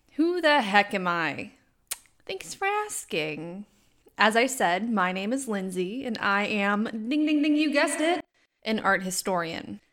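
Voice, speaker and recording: Young woman w a wisconsin accent, kinda nasal w vocal fry, mid pitch, jokey solo podcast talk. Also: a bit bright. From Wisconsin, United States. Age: young adult. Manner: self-deprecating, playful asides. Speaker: podcast host. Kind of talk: chatty scripted podcast monologue.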